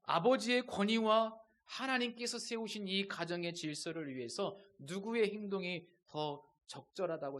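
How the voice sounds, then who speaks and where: A male pastor giving a sermon in a measured way, pausing for effect and letting his voice drop to a hush on key words. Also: sits high. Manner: measured preaching with dramatic pauses and dips in volume.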